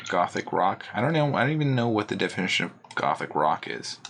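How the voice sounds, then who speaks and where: A man's voice: lowish voice, sing-song, a little fast, creaky, background noise. A man co-hosting a podcast in casual chat, musing hesitantly and filling his talk with "like". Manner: musing, hesitant, many "like" fillers. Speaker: podcast co-host.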